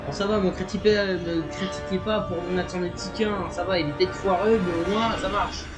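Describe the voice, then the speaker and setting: A man introducing his channel's video in a loose, chatty way, tripping over restarts and filler words as he goes. He pokes fun at himself as he talks. Music plays clearly behind him. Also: high-pitched, fairly even intonation, brisk. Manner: rambling, many fillers and restarts; playful, self-mocking. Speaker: YouTube channel host. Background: background music.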